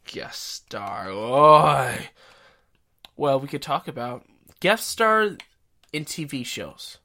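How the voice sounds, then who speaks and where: A sixteen-year-old boy co-hosting a casual homemade podcast, joking, playful and quick to interrupt. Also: fairly high pitch, big pitch swings, sharp tone. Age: teens. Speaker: podcast co-host. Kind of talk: casual chat.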